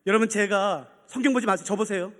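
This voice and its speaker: Lively high-voiced preacher in echoing church. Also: male voice, fast talker. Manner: animated storytelling, acting out characters with shouts. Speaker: pastor. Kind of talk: sermon with acted anecdote. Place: large church sanctuary. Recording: long church reverb.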